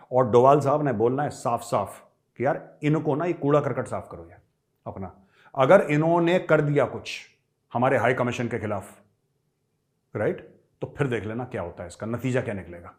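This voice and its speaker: A man giving fiery, taunting political commentary straight to his viewers, addressing them as friends. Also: on the high side.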